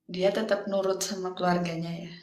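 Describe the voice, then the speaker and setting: A woman calling in to a live palm-reading stream, asking quiet, subdued questions. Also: on the low side, level tone, normal speed, echoey room. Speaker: caller.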